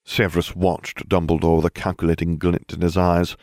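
A man reading a story aloud as narrator, with a wry, expressive delivery. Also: sits low, brisk, no echo, clean studio sound. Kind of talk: audiobook reading of fan fiction.

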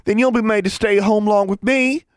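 A man voicing a scandalized teenage girl with an Ozark accent, scolding her younger sister in a shrill, sputtering way. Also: steady tone, moderate pace, dry recording, clean studio sound, natural voice. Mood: appalled scolding.

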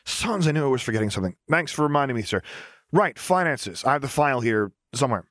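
Male narrator doing a cheerful young male engineer, higher voice, dry close sound. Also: animated, fast, a bit bright, no room sound, lightly acted. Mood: eager. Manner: upbeat, chatty, earnest.

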